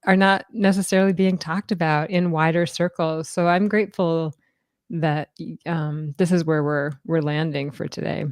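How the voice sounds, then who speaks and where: A woman co-hosting a casual talk show, calm and thoughtful, with easy laughs. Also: deep voice, moderate pace, dry recording, clean studio sound. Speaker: podcast co-host. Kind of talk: casual conversation.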